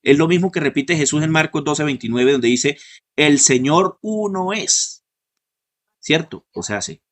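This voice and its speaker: A man hosting and moderating an online debate, speaking in a measured, questioning way and handing the floor to his guests. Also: on the high side. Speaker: host and moderator.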